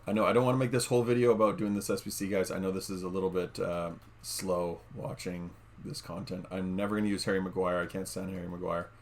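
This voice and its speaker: A man's voice: sits low, level tone, fast talker. A man giving casual gameplay commentary at home, chatty and talking straight to his viewers with lots of fillers. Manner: chatty, addresses viewers as guys, many fillers. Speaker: gaming YouTuber. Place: home room.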